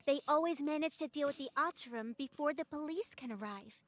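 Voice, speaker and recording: A chatty young female colleague from a story game, voiced by a woman with a high, bright voice. She relays rumors over faint background music. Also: brisk, natural voice. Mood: informative. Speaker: game character.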